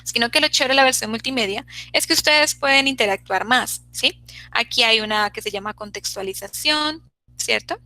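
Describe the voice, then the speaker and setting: A woman's voice: a little high, moderate pace, pushed and bright, no room sound, poor audio. A woman teaching an online English class, checking in constantly with her students as she explains.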